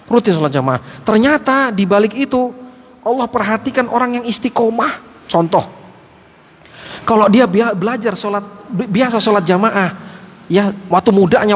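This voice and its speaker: A male Islamic teacher giving a lively study-circle sermon in a mosque, joking with the listeners and calling them Pak and antum. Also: sits high. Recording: echoey hall with faint background noise.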